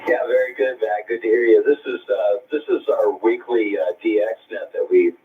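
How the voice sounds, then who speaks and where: A man with a fairly low voice running a ham radio net, reading call signs phonetically in a relaxed, halting way. He comes through a shortwave radio link, thin and phone-like, distant from the mic, with a light hiss of static underneath. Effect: heard over a shortwave radio link with static. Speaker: amateur radio net control operator.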